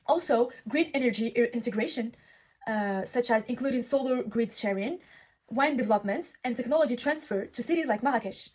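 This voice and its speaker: A woman's voice: on the high side, a little fast, darkish tone, rough recording. A young woman from Morocco giving an earnest prepared speech as a city representative, reading her text with small restarts. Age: young adult. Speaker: student speaker representing a city.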